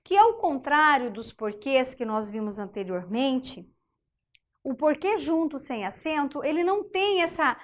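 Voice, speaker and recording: Brazilian woman teacher, high and unhurried, checks in with the class after each point. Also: lively intonation. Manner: deliberate, often checks in with "tá?" and "né?". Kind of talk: grammar lesson.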